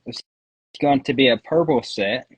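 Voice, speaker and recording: A husky man co-hosting a live stream, laughing easily and swearing in passing. His voice is recorded close and dry, with no room around it. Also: mid-range voice, normal speed, dry recording, dull audio. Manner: laughs often, swears casually. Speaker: livestream co-host. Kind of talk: casual livestream banter.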